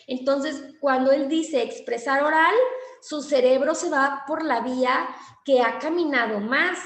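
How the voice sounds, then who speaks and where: A woman's voice: sits high, gravelly, reverberant. A woman giving a lecture on language therapy, explaining step by step and acting out short exchanges between teacher and child. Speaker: teacher trainer.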